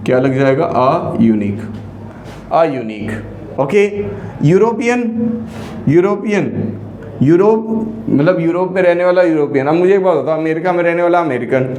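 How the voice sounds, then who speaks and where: A man's voice: a little high, lively intonation, moderate pace, darkish tone. A man teaching an online grammar lesson, quizzing his students with repeated questions. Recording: echoey room with faint noise.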